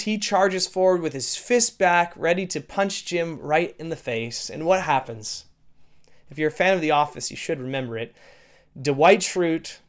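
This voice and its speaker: Man preaching a lively sermon. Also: fairly high pitch. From Canada. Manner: storytelling, rising to loud acted quotes. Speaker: pastor.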